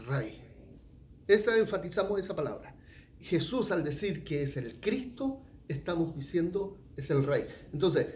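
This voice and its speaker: Man preaching, higher-pitched voice. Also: a little hiss or hum. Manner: asks the congregation questions, frequent "¿ya?". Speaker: pastor. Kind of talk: teaching sermon.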